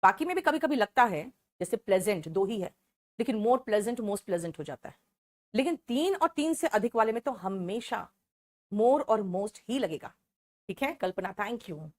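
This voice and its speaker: A woman's voice: mid-range voice, animated, unhurried. A woman teacher with a Hindi accent gives an online English lesson, explaining each rule step by step and calling on students by name.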